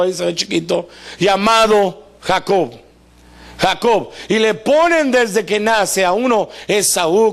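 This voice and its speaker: A man preaching a live sermon, joking and constantly putting questions to his congregation. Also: sits high. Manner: animated and joking, acts out voices; asks the congregation questions often. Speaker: pastor. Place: church service before a congregation.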